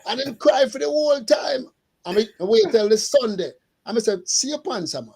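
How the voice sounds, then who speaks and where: Gravelly storyteller man. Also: very high-pitched, normal speed, a little hiss or hum. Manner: animated storyteller, acts out dialogue. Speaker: school custodian. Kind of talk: casual panel chat.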